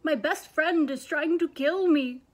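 A woman reading aloud and voicing Toad, a grumpy, sleepy male toad who would rather stay in bed, in a loud, complaining storybook delivery. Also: sits high, a little slow. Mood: grumbling.

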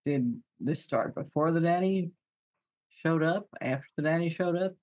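A man playing a tabletop game, speaking haltingly with many fillers and restarts. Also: a little high, a little mellow, no room sound, rough recording. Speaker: player. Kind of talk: casual tabletop game talk, partly in character.

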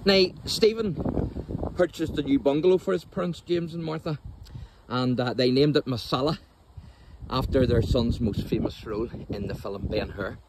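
A man in his fifties leads a walking tour of an outdoor cemetery, explaining history in an informative storytelling manner. The sound comes from a phone camera held as he walks. Wind and outdoor noise are clearly audible behind his voice. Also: mid-range voice, moderate pace. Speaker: host of a church history video series. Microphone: phone camera held while walking.

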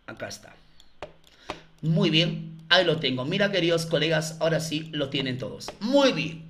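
A man's voice: a little high, very animated, moderate pace, a bit bright, a little hiss or hum. A Peruvian man tutoring math in a live online class, coaxing viewers with repeated questions to the chat.

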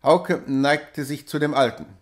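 Guy reading a classic story aloud, measured and dramatic, slightly high voice. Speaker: audiobook reader. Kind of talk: literary reading.

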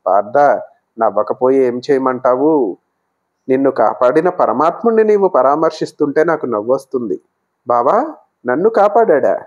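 A man voicing a devoted, wise male monkey god who speaks slowly and explains with reverence. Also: mid-range voice, lively intonation, lo-fi sound, natural voice. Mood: explaining.

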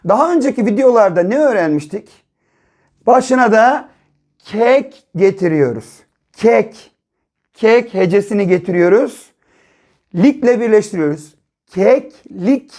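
A primary school teacher leads children through an early reading lesson, slowly sounding out syllables, repeating each word several times, and checking in often with questions. The voice is medium in pitch and mellow.

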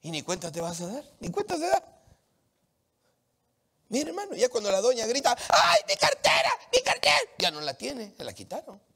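A man from Latin America preaching a sermon, animated and emphatic, with humorous anecdotes from the street. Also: high-pitched, moderate pace, gravelly, pauses often, slightly rough.

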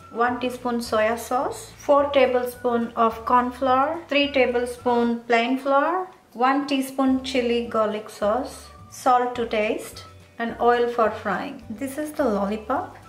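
A woman's voice: on the high side, roomy sound. A woman hosting a home cooking channel, giving plain step-by-step instructions in a voice-over.

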